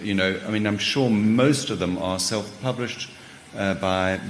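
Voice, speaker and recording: A man's voice: fairly low pitch, a little slow. South African man in an echoey hall. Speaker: publisher on a panel. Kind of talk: informal panel talk. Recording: echoey hall, far reverb, faint noise.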